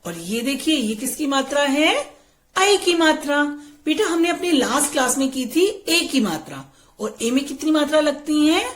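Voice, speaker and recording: A woman's voice: high-pitched, lively intonation, normal speed, roomy sound, slight background noise. A woman teacher giving a patient phonics lesson to young children. She asks the class questions and says each word twice.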